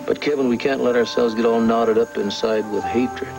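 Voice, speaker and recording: A man's voice: mid-range voice, steady tone, normal speed, gravelly, lightly acted, low-quality recording. An actor playing a protective father who talks firmly and earnestly to his son in a soap opera. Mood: reassuring. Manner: reassuring, firm, earnest. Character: protective middle-aged father, steady and resolute. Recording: old TV soap with loud music score.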